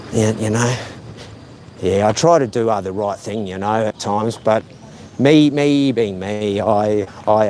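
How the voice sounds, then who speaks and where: A man's voice: fairly low pitch, a little mellow, a little hiss or hum. A middle-aged man, live-streaming as he walks outdoors by a lake, chatting in a meandering, self-deprecating way full of fillers. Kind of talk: casual rambling live stream chat.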